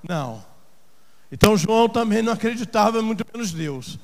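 A man preaching a sermon as pastor in a church, swinging between shouted peaks and hushed passages. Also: high voice, animated, fairly quick. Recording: long church reverb, faint noise.

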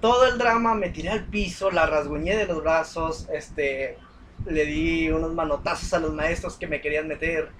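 A man's voice: fairly high pitch, normal speed, a bit bright, a little hiss or hum, poor audio. A young man telling a story in casual chat, with many fillers and restarts. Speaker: podcast co-host.

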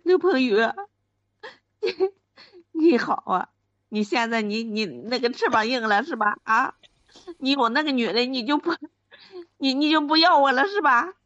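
A woman's voice: sits high, expressive, moderate pace, pauses often, a bit bright, dry recording. A woman playing a wronged wife of ten years in a comedic radio skit, speaking, wailing and pleading. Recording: dry, dull lo-fi sound.

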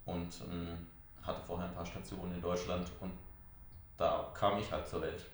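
A middle-aged man from near Mainz, Germany, an IT entrepreneur and member of parliament, recounts his career in conversational interview answers, halting and reflective, with frequent hesitations. His voice is low and level in tone. The room is very echoey, with slight background noise.

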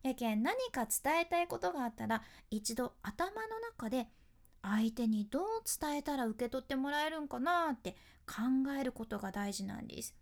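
A woman's voice: sits high, lively intonation, moderate pace. A woman with a who works as a freelance announcer, giving a chatty, upbeat speaking lesson with frequent laughter. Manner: chatty and upbeat, laughing often while explaining. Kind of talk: casual spoken lesson.

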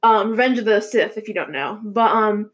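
A woman's voice: mid-range voice, expressive, moderate pace. A young woman hosting a casual movie news chat, rambling with many fillers and restarts. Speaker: show host.

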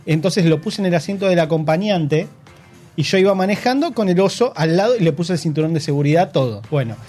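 Fast-talking Argentine man on radio. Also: fairly high pitch, faint music behind. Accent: Rioplatense Spanish. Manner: fast, animated, stumbling anecdotes. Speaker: radio show co-host. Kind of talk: casual radio chat.

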